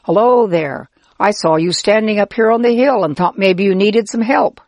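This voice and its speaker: Lady reading as a friendly helpful desert guy, laughs easy, slow, kinda breathy. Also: on the low side, expressive, no echo, clean studio sound, exaggerated voice. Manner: cheerful, laughing easily, patient explaining. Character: friendly helpful adult Israelite man.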